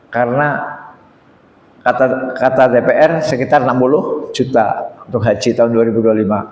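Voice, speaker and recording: A man preaching a sermon, talking straight to his listeners and climbing high when he acts out prayers. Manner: addresses listeners as "Pak", rises to high emotional pitch when acting out prayers. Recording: echoey hall.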